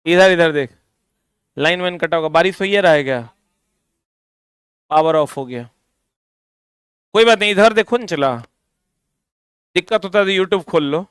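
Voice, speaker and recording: A man's voice: high-pitched, measured pace, long pauses, fairly bright tone, smooth, dry recording, clean studio sound. A man with a Bihari accent teaching a class, drilling students with repeated questions and scolding them. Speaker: coaching teacher. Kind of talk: classroom lecture.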